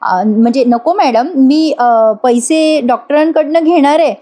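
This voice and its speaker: A humble young woman who talks hesitantly and politely, stumbling over her words, as a woman narrator reads her part. Her voice is fairly high and soft. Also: a little slow. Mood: shy. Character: shy, humble young woman, grateful and emotional.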